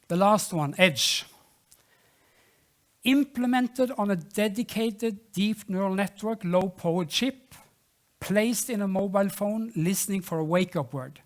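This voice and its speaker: A startup founder pitches a business and fields questions, speaking haltingly with repeated and restarted phrases.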